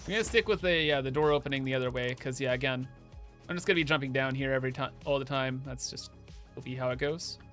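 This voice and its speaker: A man's voice: medium pitch, fast, fairly bright tone, soft background music. A young man livestreaming over a headset mic, thinking aloud in a casual, chatty way while he builds in a game.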